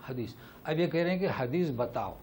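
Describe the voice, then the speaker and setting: A man's voice: on the high side, animated, darkish tone, slight background noise. A male Islamic teacher giving a Quran lesson and answering questions. He talks with emphasis and keeps repeating rhetorical questions to drive his point home.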